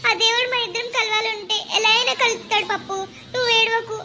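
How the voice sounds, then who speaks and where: Very high, sweet voice-acted cartoon schoolgirl, soothing and gentle, noisy dub. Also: little pitch movement, quick pace. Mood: gentle consoling. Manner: gentle, consoling.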